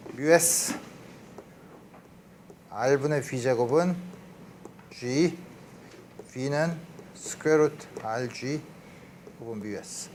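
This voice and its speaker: A man's voice: mid-range voice, a little hiss or hum. A male physics lecturer talking through problems step by step at a university lecture and checking in with the class. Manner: explains step by step, often asking "그죠?" and mixing in English physics terms.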